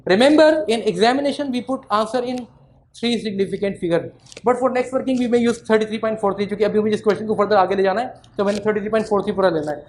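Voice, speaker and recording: A man giving a classroom maths lecture, often asking the students questions and slowing down to spell out formulas. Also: high-pitched, low-quality recording. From Pakistan. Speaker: maths teacher.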